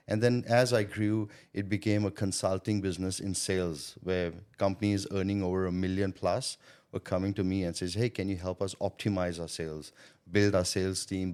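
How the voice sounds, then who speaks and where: Deep and darkish in tone, this man is a guest being interviewed about his business and childhood. He is a sales coach and business owner, born in Thailand and schooled in India, who speaks earnestly and reflectively and often tags on "right?" and "you know".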